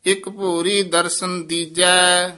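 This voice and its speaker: Male scripture teacher, very slow steady chant with little pitch movement, pausing for quick pronunciation notes. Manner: slow melodic chanting, brisk spoken asides.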